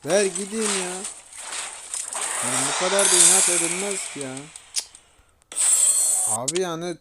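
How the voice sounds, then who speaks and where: A man's voice: high-pitched, measured pace. A man hosting a gaming channel, giving casual commentary, grumbling and pleading with the game in exasperation. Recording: loud background noise.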